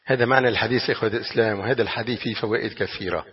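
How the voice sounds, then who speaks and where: A man with a Levantine Arabic accent giving a religious lesson, explaining a text with animated rhetorical questions. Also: lowish voice, very fast, slightly rough, in a large hall, highs cut off. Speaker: religious teacher.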